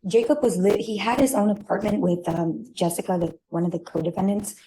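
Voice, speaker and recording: A woman giving testimony as a witness in a courtroom, explaining in a halting way. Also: mid-range voice, steady tone, mellow, poor audio. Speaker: witness, relative of the defendant.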